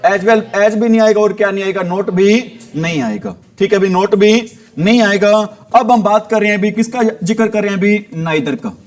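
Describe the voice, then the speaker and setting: A man's voice: high-pitched, normal speed. An Indian man teaching a grammar class, asking each question and answering it himself, drilling points again and again. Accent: Hindi-accented English words.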